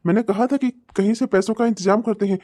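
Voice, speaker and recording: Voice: mid-range voice, fairly even intonation, fast, natural voice. A voice actor playing an abusive, short-tempered husband and father in a cartoon, hurling insults and threats. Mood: bitter. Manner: shouting insults, snarling and threatening. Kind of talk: cartoon comedy voice acting.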